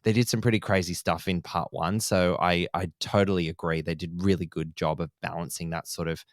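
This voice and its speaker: A man co-hosting a casual film-review podcast, his voice deep. He talks with enthusiasm and drifts into tangents. The sound is dry and close, with no room echo. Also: little pitch movement, brisk. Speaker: podcast co-host.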